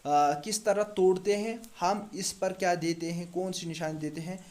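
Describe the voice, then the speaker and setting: With a high-pitched, darkish voice, steady tone and normal pace, a man teaches Quran recitation. His tajweed lesson moves step by step, and he patiently repeats letters and asks the class questions.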